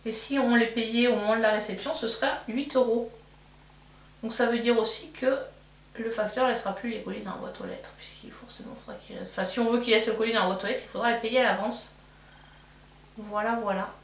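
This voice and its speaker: Doing her makeup and chatting casually, a beauty vlogger thinks aloud, rambling through many fillers, restarts, and self-corrections. She's on the high side, steady in tone, and a little fast. The sound is distant and off-mic, in an echoey room with a faint hum.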